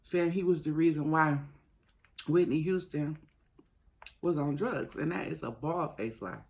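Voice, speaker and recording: A man hosting a mukbang, talking casually to viewers with his mouth sometimes full, gossipy and emphatic, pausing and repeating phrases. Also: fairly high pitch. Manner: talks while eating, mouth sometimes full. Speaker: mukbang host. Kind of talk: casual chatty commentary to viewers while eating.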